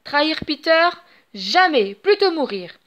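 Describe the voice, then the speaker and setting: A woman's voice: sits high, sing-song, unhurried, fairly bright tone, pitched above the performer's own voice, full character voice. A woman voicing a proud, loyal young girl in a storybook reading, firm and defiant.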